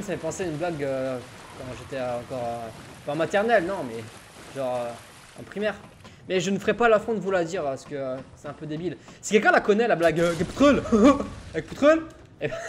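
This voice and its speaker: High-voiced young man joking over gameplay. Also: slight background noise. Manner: chatty and joking, laughs often. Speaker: let's play gamer. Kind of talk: casual gameplay commentary. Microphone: home streaming mic setup.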